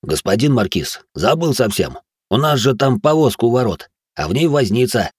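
A man's voice: mid-range voice, very animated, moderate pace, a little mellow, breathy edge, no echo, studio quality, pitched above the performer's own voice. A man voicing a big, blunt former lieutenant who talks plainly and easily.

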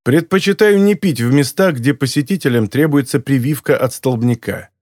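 A man voicing a condescending, sinister bald American man in an audiobook, speaking in a cold, mocking, deliberate way. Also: mid-range voice, a little mellow, dry recording, clean studio sound, lightly acted. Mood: scornful. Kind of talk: audiobook character voice.

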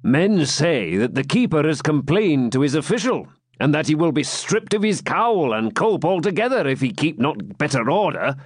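A man's voice: on the high side, big pitch swings, normal speed, husky, no room sound, studio quality, pitched above the performer's own voice. A man voicing a plain-spoken male swineherd who talks in a matter-of-fact, gossiping way. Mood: knowing.

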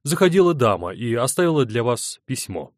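Guy doing a hush-hush whispery porter, audiobook. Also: medium pitch, sing-song, brisk, no echo, clean studio sound, close to an everyday voice. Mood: discreet. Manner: hushed, whispering. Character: discreet male hotel porter.

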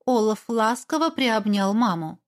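A woman's voice: fairly high pitch, animated, measured pace. A woman giving a tense, dramatic first-person audiobook narration.

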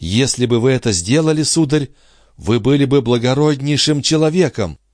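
A man's voice: mid-range voice, normal speed, a little mellow, no echo, studio quality, voice pushed up, lightly acted. A man voicing a young noblewoman who pleads in breathless, emotional bursts. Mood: tearfully joyful. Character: young noblewoman, anguished and passionate.

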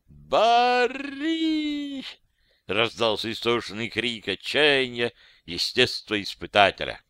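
A man reads a comic fantasy novel aloud with playful, expressive timing. His voice is bright and clean. The recording is close and dry, with no room sound. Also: medium pitch, smooth, dry recording. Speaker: audiobook narrator. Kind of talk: scripted narration.

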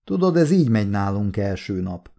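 A man's voice: fairly low pitch, creaky. A man reading an easygoing office colleague. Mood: friendly. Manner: relaxed, matter-of-fact apology. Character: friendly male office colleague, easygoing and apologetic.

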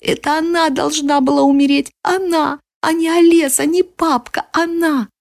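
A grief-stricken young boy shrieks accusations between sobs, his voice pitched high and cracking with despair, as a woman narrator puts him on. The reading is close and dry, with no room sound. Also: steady tone, normal speed, gravelly, no room sound. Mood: sobbing hysteria. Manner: shrill sobbing shouts. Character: grieving young boy, hysterical, screaming blame. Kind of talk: audiobook character voice.

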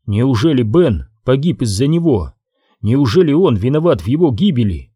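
A man reading an audiobook in a measured, expressive storytelling manner. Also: medium pitch, husky, no room sound, clean studio sound. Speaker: audiobook narrator. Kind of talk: scripted audiobook narration.

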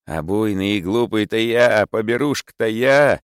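A man's voice: fairly low pitch, normal speed, clear, resonant tone, dry recording, studio quality, voice pushed up, natural voice. A man voicing a fawning, pleading drunken clerk in a storybook reading, with fervent, wheedling speech. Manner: fervent, wheedling, bowing and scraping.

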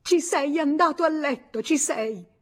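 A woman voicing a furious, indignant jilted lover who shouts her accusations in a radio audiobook reading. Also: high voice, measured pace, pitched above the performer's own voice. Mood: furious, accusing.

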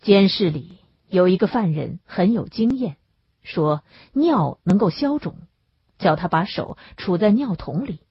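A woman narrates an audiobook with expressive, lively intonation and a strongly husky, breathy voice. The recording is dry and close, with a dull lo-fi sound. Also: fairly low pitch, unhurried, no echo. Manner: expressive storytelling.

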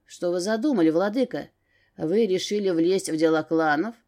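A haughty elder demon, head of an old clan, who sneers at everyone beneath him, as a woman reading the book brings him in. His lines come out scornful and curt over a mellow, darkish timbre. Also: on the low side, normal speed, natural voice. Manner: sneering, dismissive. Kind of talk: audiobook character voice.

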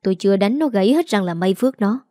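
A woman's voice: medium pitch, expressive, quick pace, mellow, no room sound, studio quality, lightly acted. A woman voicing a hot-tempered, crude grown son who roars and curses, in a Southern Vietnamese accent. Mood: grumbling. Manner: roaring, cursing.

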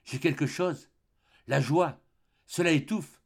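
A man's voice: a little high, slow, husky, voice pushed up, exaggerated voice. A man voicing a frail, rapturous dying young woman. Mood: breathless.

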